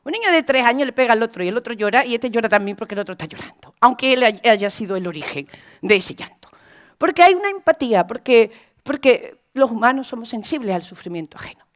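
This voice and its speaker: A woman lecturing teachers, telling classroom anecdotes in an animated, emphatic way with lots of repetition. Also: on the high side, fast.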